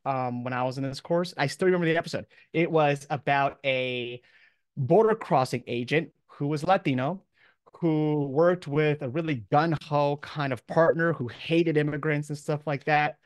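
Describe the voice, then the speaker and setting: In a clean, dry studio recording, a man with a slightly high voice takes on the role of a college professor. He encourages his class through an informal lecture peppered with slangy, casual language.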